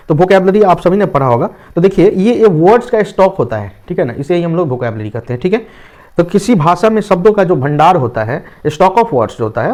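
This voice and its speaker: Fast-talking Hindi-medium grammar teacher. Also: male voice, a little high, a little mellow. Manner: explains step by step, repeats key terms, asks and answers own questions; fills with "thik hai na" tags. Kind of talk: online Hindi-medium lesson.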